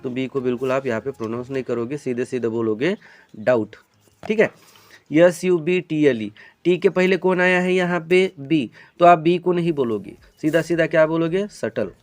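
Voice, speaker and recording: Speaking in Hindi, this man gives a classroom-style lesson on English pronunciation at a moderate pace. His voice is a little high and his intonation fairly even. He drills viewers by repeating questions and answering them himself, treating them like children and calling them "beta."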